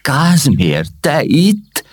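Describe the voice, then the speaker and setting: A man voicing an eager, clumsy young boy who dreams of becoming a knight, talking in an excited, flustered way in a storybook reading. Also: medium pitch, a little hiss or hum, pitched above the performer's own voice.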